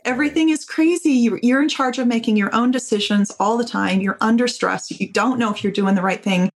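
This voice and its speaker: A woman's voice: on the high side, fairly quick. A woman being interviewed as a copywriting guest, explaining her ideas thoughtfully with everyday examples. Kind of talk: interview answers.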